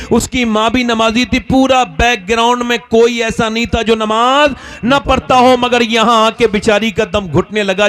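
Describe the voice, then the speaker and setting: Brief: a storytelling preacher, a man with a high voice who keeps asking his listeners rhetorical questions. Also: fairly bright tone. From northern India. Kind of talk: sermon.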